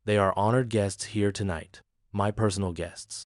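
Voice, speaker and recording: A man's voice: fairly low pitch, steady tone, moderate pace, no room sound, clean studio sound, close to an everyday voice. A man voicing a stern older general who speaks grimly and coldly in a story reading. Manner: grim, cold and clipped.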